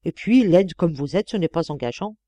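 A woman's voice: fairly low pitch, animated, normal speed, warm tone, no echo. A woman reading an audiobook voices a cruel, scornful old woman who is hiring a maid, speaking in an imperious, cutting manner.

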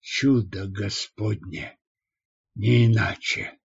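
A man's voice: lowish voice, fairly even intonation, slow, vocal fry, husky, highs cut off, voice pushed down, exaggerated voice. A man voicing a humbled one-legged army commander who speaks in a subdued mutter.

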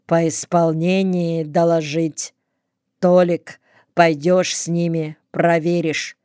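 A woman's voice: lowish voice, level tone, takes it slowly, smooth, dry recording, studio quality. Woman reading a grim tired army captain. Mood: grim quiet. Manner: curt orders, quiet then barking.

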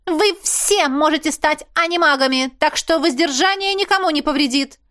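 A woman's voice: high voice, moderate pace, a bit bright, voice pushed up. A woman voicing a fussy female teacher at a magic academy, strict and scolding, in an audiobook. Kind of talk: audiobook character voice.

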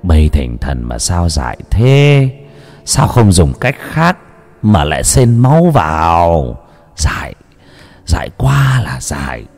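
Man putting on an old male head monk, grave and scolding, deep voice, lively pitch. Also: soft background music, exaggerated voice. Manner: slow, heavy, drawn-out lamenting speech.

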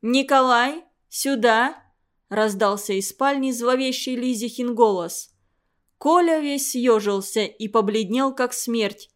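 A woman reads a story aloud in a fairly high voice, steady and clear. It is a plain spoken storybook reading. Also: measured pace.

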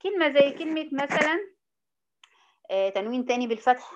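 A woman with an Egyptian Arabic accent teaching a Quran recitation lesson, asking her students questions and drawing out the example words slowly. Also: high voice, sing-song, lo-fi sound. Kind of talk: informal tajweed lesson.

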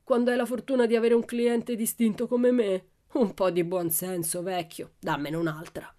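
A woman's voice: low voice, flat delivery, moderate pace. Woman growling as a brutish bullying man. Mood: growling, threatening. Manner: shouting, growling threats.

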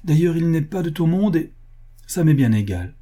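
A man playing a gruff old family lawyer. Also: a little high, very animated, normal speed, mellow, voice pushed up. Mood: scolding. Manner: blunt, scolding, fatherly.

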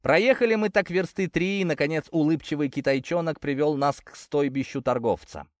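A man's voice: moderate pace, no room sound, clean studio sound. A man reading an adventure story aloud as an audiobook narrator, shifting his voice for the characters. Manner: lively, shifts pitch for dialogue.

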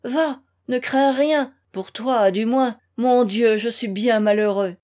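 A woman's voice: high-pitched, slow pace, a little mellow. A woman reading a desperate young man who passionately pleads with the girl he loves, in a storybook reading. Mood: anguished.

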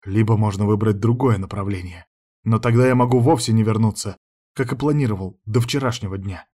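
A man narrating a first-person audiobook in an even, measured voice. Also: on the low side.

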